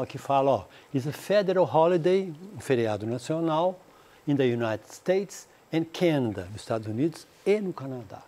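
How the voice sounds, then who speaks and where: A man's voice: mid-range voice, warm tone. A man from Brazil teaching an English lesson on a school TV program, explaining in Portuguese and often saying "né?". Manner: reads English dialogue lines slowly and clearly for students to repeat; explains in Portuguese with frequent "né?" and "então".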